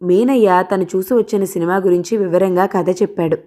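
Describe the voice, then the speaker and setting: A woman narrating a novel as an audiobook reader, in a steady, plain reading voice. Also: medium pitch, a little fast. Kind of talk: storytelling narration.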